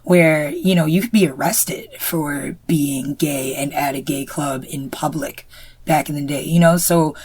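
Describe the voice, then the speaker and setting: A woman's voice: deep voice, measured pace, a little mellow, breathy edge. A woman co-hosting a podcast, reviewing a TV episode in casual chat, with lots of "you know" fillers. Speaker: podcast co-host.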